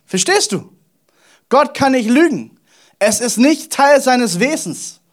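A man preaching a sermon, swinging between loud emphasis and quiet asides, often repeating words and speaking straight to the listener. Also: very high-pitched, animated, slow. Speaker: pastor.

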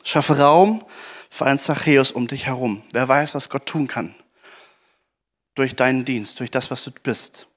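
A man preaching a sermon, telling a Bible story with animated delivery and acting out shouts and pleas from the characters. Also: medium pitch, moderate pace.

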